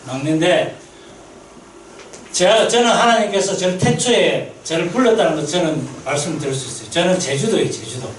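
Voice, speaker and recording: A man's voice: high-pitched, fairly quick, roomy sound, recorded from a distance, slight background noise, low-quality recording. A man preaching a sermon as a missionary pastor at a mission meeting, telling stories and asking the congregation questions. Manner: lively storytelling, asks the congregation questions. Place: church sanctuary.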